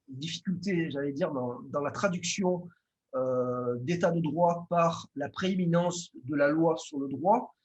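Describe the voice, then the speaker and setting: A man's voice: fairly high pitch, muffled recording. A man with a Marseille accent giving a formal conference lecture as a lawyer, hesitant, with frequent fillers and restarts.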